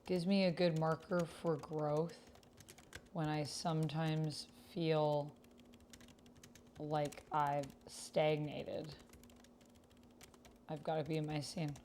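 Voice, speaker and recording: In a low, slightly mellow voice with little pitch movement, the woman speaks slowly, leaving long pauses, with a slight hiss or hum audible. She streams a text-based roleplaying game, chatting casually and reasoning out loud as she reads and types, often questioning herself.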